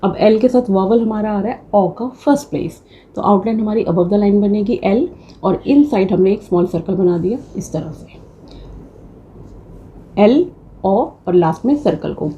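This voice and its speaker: Young woman explaining shorthand patiently, soft warm voice, mid pitch. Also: expressive, normal speed, highs cut off, a little hiss or hum. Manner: patient step-by-step explaining, mixing English terms. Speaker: shorthand teacher. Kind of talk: classroom lecture.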